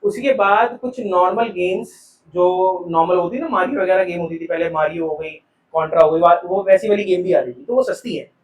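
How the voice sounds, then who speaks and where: A male teacher lectures a live commerce class in a high, bright-pitched voice, peppering students with questions and calling them "beta". He is caught from a distance by the camera, so his voice rings with the echo of the classroom. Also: fairly quick, slight background noise. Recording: echoey classroom from far off.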